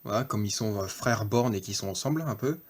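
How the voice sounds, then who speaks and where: A man's voice: fairly low pitch, fairly quick. A man giving a casual off-camera toy review, hesitant, with many fillers and self-corrections.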